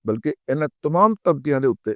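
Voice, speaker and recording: A man's voice: on the high side, expressive, sharp tone, no echo. A male political analyst with a Punjabi accent giving a heated, scornful commentary monologue that mixes in Punjabi phrases. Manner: switches between Urdu and Punjabi.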